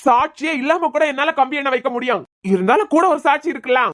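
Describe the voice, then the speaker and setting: A woman's voice: high-pitched, lively intonation, fast talker, voice pushed up. A woman with a Kanyakumari Tamil accent voicing a stern young male doctor who scolds and interrogates in a cartoon. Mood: pressing. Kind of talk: cartoon voice acting.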